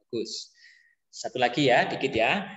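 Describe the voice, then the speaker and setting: Chatty male teacher in an echoey hall. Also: medium pitch. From East Java. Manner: relaxed, chatty, asks pupils questions and repeats phrases slowly. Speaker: Arabic teacher. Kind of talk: classroom lesson explaining Arabic. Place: classroom.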